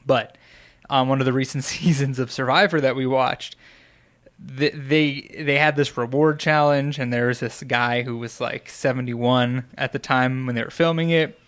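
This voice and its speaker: A man's voice: medium pitch, steady tone, normal speed, fairly bright tone. A man co-hosting a podcast, telling stories in a rambling, casual way with lots of fillers. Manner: rambling, filler-heavy storytelling. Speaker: podcast co-host. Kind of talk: casual chat.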